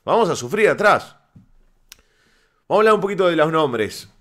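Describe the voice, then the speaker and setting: A man's voice: on the high side, big pitch swings, normal speed. A Uruguayan man hosting a fan channel, riffing on football in a sarcastic, rambling monologue with stammered restarts. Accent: Uruguayan Spanish. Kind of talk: casual football commentary monologue.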